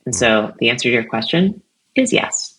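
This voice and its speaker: A woman guest speaks on a business podcast in a bright, pressing tone. She talks in energetic, emphatic bursts and leans hard on key words. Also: a bass voice, moderate pace, slightly rough, rough recording. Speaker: guest, CRM vice president. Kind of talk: podcast interview.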